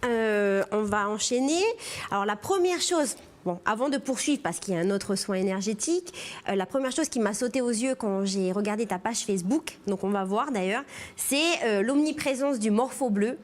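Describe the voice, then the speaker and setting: A woman's voice: medium pitch, animated, moderate pace. A woman hosting an interview, leading the talk with short prompts and questions. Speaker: interview host.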